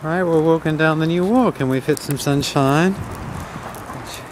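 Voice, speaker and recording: A man vlogs his own wedding day on a phone held at arm's length, first in an outdoor park and later in a busy restaurant, with loud background noise and crowds. He rambles chattily with many fillers, his slightly high voice worn as he loses it, speaking at a measured pace.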